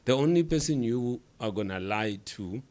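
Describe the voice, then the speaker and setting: A middle-aged man from South Africa with a South African accent, a podcast guest speaking in a measured, reflective way who drives points home by repeating phrases. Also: medium pitch, animated, a little mellow. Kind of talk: reflective interview talk.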